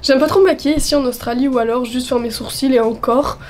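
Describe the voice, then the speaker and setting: The woman's voice is high, fast, and darkish, roughened by a chest cold, yet she keeps her casual vlog upbeat and packed with fillers. She is in her twenties and filming at home, part of it out on a terrace.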